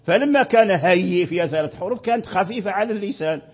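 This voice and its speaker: A man's voice: high-pitched, lively intonation, rapid-fire, breathy edge, dull audio. A man teaching Quranic readings in a classroom lecture, repeating phrases and checking that his students understand.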